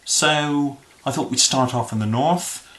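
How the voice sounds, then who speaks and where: A man from Bristol with a Bristol accent, giving a tongue-in-cheek spoken tour in a mock-earnest, meandering way with frequent pauses. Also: medium pitch, a bit bright. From Bristol, England. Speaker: self-styled accent presenter. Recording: roomy echoey room.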